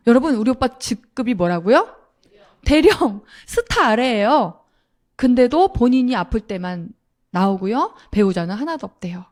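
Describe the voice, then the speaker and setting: A woman's voice: medium pitch, a little mellow. A middle-aged woman telling a personal story to an audience, acting out quoted lines with animation. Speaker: speaker at a sales seminar.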